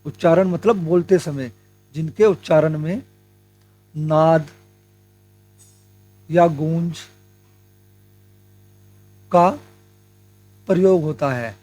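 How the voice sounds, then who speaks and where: A young man with a fairly high voice runs an exam-prep grammar lesson, talking to his viewers as friends. He goes step by step, asks his own questions and answers them. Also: very slow, pauses often, a little mellow. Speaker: Hindi grammar teacher.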